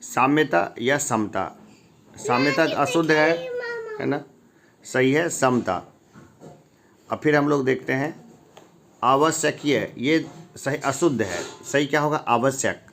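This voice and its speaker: A man takes learners through a grammar lesson in an easygoing way. He reads each wrong form aloud, asks his listeners what the right one should be, and answers himself. His voice sits at an ordinary middle pitch. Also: slow, gravelly, long pauses, fairly bright tone. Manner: reads each wrong form and then the correct one, asking rhetorical questions. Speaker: Hindi grammar teacher. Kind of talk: informal spoken lesson.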